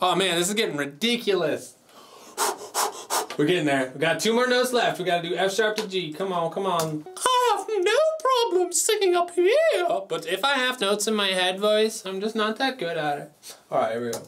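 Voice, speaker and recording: A man's voice: high-pitched, animated, a little fast. A man casually vlogging in his home studio, chatty and joking at his own expense. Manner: playful, chatty, jokes at himself. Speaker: music producer. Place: home recording studio with mixing desk. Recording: distant mic, faint background noise.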